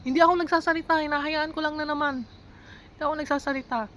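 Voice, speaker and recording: A young woman from the Philippines, a live-in caregiver, in a confessional vlog, telling her story in a halting, emotional way with many pauses. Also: high voice, fairly even intonation, a bit bright, a little hiss or hum, rough recording. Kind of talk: confessional vlog, mixing Tagalog and English.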